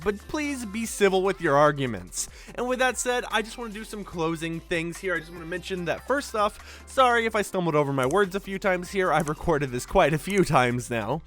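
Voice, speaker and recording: Recorded early in the morning, a sleepy young man hosts a casual gaming news video in a high, somewhat bright voice. His talk meanders and is chatty, heavy on fillers like "like" and "basically."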